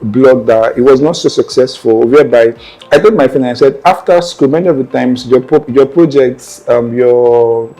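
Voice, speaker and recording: A young man with a Nigerian accent, appearing as an interview guest, tells his life story in a warm, mid-range voice at normal speed. He is earnest and digressive, frequently going back to correct himself in conversational storytelling. The recording is rough.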